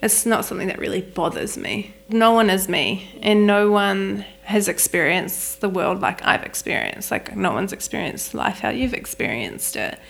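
Here a young New Zealand woman with a Kiwi accent talks about her wedding photography work in a relaxed interview at home in her flat. She's chatty, full of "like" fillers and quick to laugh, with an animated, gravelly mid-range voice that is fairly bright, moves at a moderate pace with few pauses, and carries slight background noise.

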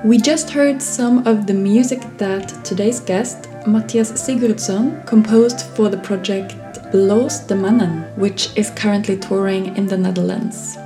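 A woman hosting a podcast, reading a clear, measured introduction and asking her guest questions. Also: mid-range voice, steady tone, music in the background. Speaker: podcast host. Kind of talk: scripted podcast intro and interview.

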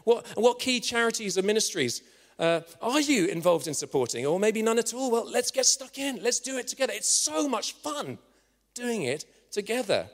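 A man preaching a sermon in an earnest manner, at times dropping to a hushed storytelling voice. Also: high voice, sing-song, moderate pace. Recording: long reverb of a church hall.

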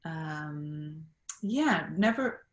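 A young woman from Los Angeles, a guest chatting casually in an interview, animated and laughing as she recounts exchanges. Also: low-pitched, extremely slow. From Los Angeles, USA. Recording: roomy sound with construction noise.

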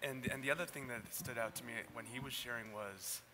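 A man, a pastor, speaking conversationally to his congregation with gentle humor. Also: medium pitch, a little fast, background noise. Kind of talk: sermon and church announcements. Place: church hall. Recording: reverberant hall, faint ambience.

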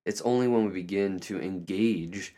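A man's voice: sits low, moderate pace, dark tone. A man hosting a podcast, talking earnestly and reflectively about faith, searching for words with frequent restarts and fillers. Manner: emotional, tearing up at moments. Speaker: podcast host. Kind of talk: reflective spiritual talk.

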